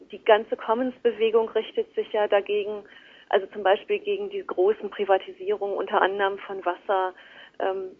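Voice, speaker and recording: A woman speaking as a guest in a radio interview, thoughtful and hesitant with many fillers, heard over a phone line. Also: mid-range voice. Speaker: guest, works at a financial institution. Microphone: telephone.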